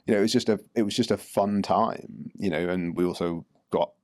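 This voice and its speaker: Deep-voiced man, dry sound. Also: fairly even intonation, a little fast, dry recording. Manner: rambling, with many restarts. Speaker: fitness coach, podcast co-host. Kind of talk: casual podcast chat.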